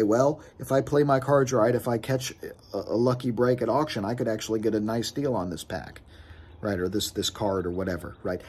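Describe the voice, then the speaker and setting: A man in his thirties with a slightly husky voice, speaking close to a phone camera. He rants casually to his viewers and sounds annoyed as he explains himself. He is recorded outdoors on a house porch. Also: medium pitch, darkish tone. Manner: frustrated, talks with his hands. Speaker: sports card collecting vlogger. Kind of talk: casual vlog rant.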